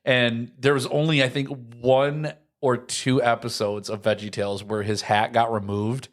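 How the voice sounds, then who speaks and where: An American man in his early thirties co-hosts a podcast, chatting casually in a medium-pitched, flat, unhurried voice. He rambles a lot and leans heavily on filler words, especially "like."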